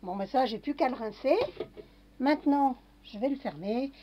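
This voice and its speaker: A woman's voice: high-pitched, moderate pace. A woman casually talking through a kitchen demonstration, narrating each step with little fillers. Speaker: home cooking vlogger. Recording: dull lo-fi home recording.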